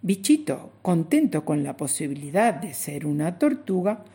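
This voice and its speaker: A woman tells a children's story slowly and expressively, her pitch swinging widely as she speaks directly to her young listeners. Her voice is husky, dark and slightly gravelly. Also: big pitch swings.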